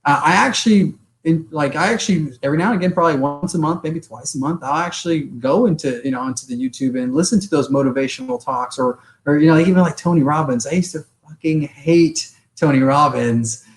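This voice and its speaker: A man around forty hosts a relaxed podcast chat. His voice sits a touch higher than most men's. He talks loosely, swears often and keeps checking in with "right?". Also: fairly quick, hardly any pauses, rough recording. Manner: loose and chatty, swears freely, ends points with "right?". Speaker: podcast host. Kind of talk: casual chat.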